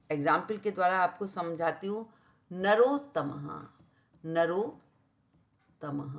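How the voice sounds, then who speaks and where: Woman teacher going really slow at the board, checks "clear?" every few lines, medium voice. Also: mid-range voice, fairly bright tone. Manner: keeps checking understanding with "clear?" and "right?"; repeats and spells out words slowly while writing. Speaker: school teacher. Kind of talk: blackboard grammar lesson for children.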